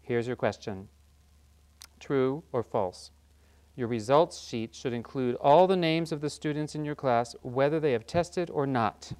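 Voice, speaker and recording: In a scripted game show parody, a performer plays an upbeat quiz host who briskly announces questions and scores. The voice is mid-range, a little mellow, and close to an everyday voice.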